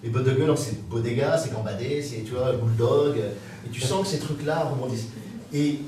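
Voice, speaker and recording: A man giving a public talk, explaining with animated energy and sounding out consonants and vowels to show what he means. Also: mid-range voice, fairly quick, a little hiss or hum. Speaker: guest author. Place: public hall. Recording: very echoey hall from far off.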